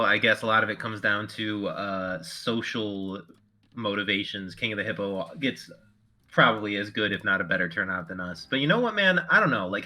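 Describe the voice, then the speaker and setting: A man's voice: on the low side, sharp tone. A man co-casting a live strategy game tournament, analytical and talking with lots of "like" and "uh". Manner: analytical, filler-heavy, with many "like" and "uh". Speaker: co-caster.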